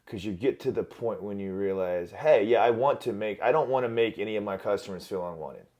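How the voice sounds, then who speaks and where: A man's voice: lowish voice, brisk, darkish tone. A man in his forties, a gym owner and jiu-jitsu coach, talking casually and candidly on a podcast, swearing freely and joking at his own expense. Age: 40s. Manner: candid, profane, self-deprecating.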